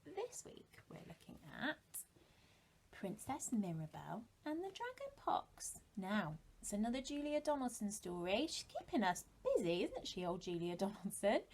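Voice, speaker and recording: With slight background noise, a woman in her thirties speaks British English at normal speed in a mid-range voice. She's a primary teacher, expressively chatting and reading a storybook to young children, often asking them rhetorical questions.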